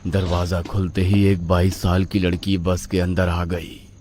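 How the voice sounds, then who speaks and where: A man's voice: deep voice, flat delivery, measured pace, darkish tone, slight background noise. A man narrating a horror story in a suspenseful, dramatic storytelling style.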